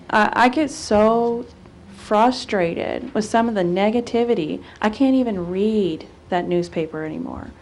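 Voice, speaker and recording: A woman's voice: medium pitch, a little mellow. Brief: woman on a city council, earnest and heartfelt, plain mid voice, chamber desk mic. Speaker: council member. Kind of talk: remarks at a council meeting.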